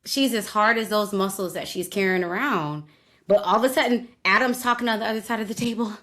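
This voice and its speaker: A woman's voice: mid-range voice, a little fast, fairly bright tone. A woman co-hosting a podcast, chatting casually with wry asides and easy laughs. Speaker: podcast co-host. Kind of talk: casual chat recapping a reality show.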